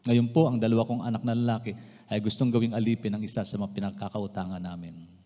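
A man's voice: lowish voice, steady tone, fast, warm tone. A man from the Philippines, a pastor preaching a sermon to his congregation. He switches between Tagalog and English, repeats key phrases for emphasis and addresses his listeners politely. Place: church sanctuary. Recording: long reverb of a church hall.

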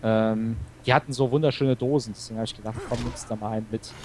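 Man, let's-play co-host, dry humor, mid pitch, faint game noise behind. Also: steady tone, quick pace, a little mellow. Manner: dry joking, talks through game choices. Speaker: gaming co-host. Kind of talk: casual let's-play chat.

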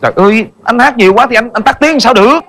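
An actor playing an exhausted, overworked singer husband who complains in a stage comedy sketch. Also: male voice, very high voice, fast talker, a bit bright. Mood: complaining. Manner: whiny, complaining. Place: television studio stage.

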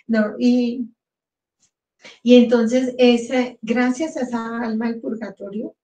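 A higher-voiced woman speaks in an earnest, halting way, often circling back and repeating herself. Her voice sits a little away from the microphone, in a roomy, echoing space. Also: fairly even intonation, mellow. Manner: earnest, halting, repeats words, quotes her own prayers. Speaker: interview guest sharing a testimony. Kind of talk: emotional personal testimony. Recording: echoey room, voice from far off the mic.

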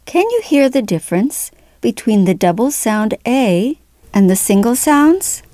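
Woman, standard American accent, pronunciation coach, scripted narration, animated intonation, fairly high voice. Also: measured pace.

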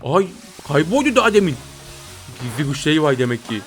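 A young gameplay streamer offers playful, excitable commentary as he plays, often jumping to high squeals. He talks a little fast, with faint music in the background.

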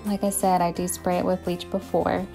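Soft music plays behind a young woman's lowish, warm, creaky voice as she cleans her kitchen for a vlog. She speaks at a moderate pace with little pitch movement, casually reassuring viewers and half-apologizing for the mess.

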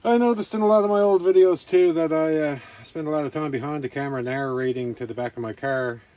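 This camping vlogger has a slightly high, darkish voice and talks quickly, rambling casually to the camera. He's filming outdoors at a rainy campsite, and faint ambient noise can be heard.

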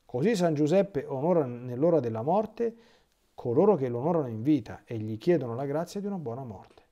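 This is a mellow, warm-toned male priest from Italy giving a catechesis talk. He moves between reading a devotional text aloud and off-the-cuff asides to his listeners. His pitch sits in an ordinary middle range. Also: brisk, dull audio. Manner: reads a text aloud, breaking off into lively spontaneous asides.

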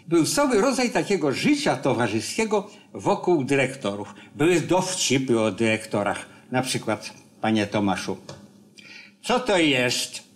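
An older man speaking as a film critic in a relaxed studio conversation, with a slow, hesitant delivery and dry jokes. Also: fairly high pitch. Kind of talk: casual studio talk about a film. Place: studio set with armchairs.

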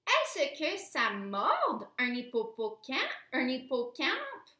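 A woman's voice: high-pitched, wildly swooping pitch, takes it slowly, bright, forceful tone, roomy sound, full character voice. A woman voicing an anxious, curious little boy who keeps asking hesitant questions. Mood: questioning.

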